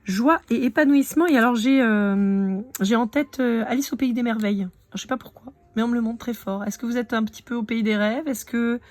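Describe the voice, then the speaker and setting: A woman's voice: on the high side, fairly quick, hardly any pauses, darkish tone, no echo. A woman giving a casual live card reading, chatting directly to her viewers. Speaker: tarot card reader.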